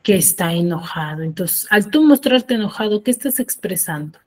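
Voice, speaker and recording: A woman teacher giving an online class, explaining step by step and often checking with quick tag questions. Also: medium pitch, expressive, darkish tone. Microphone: video call.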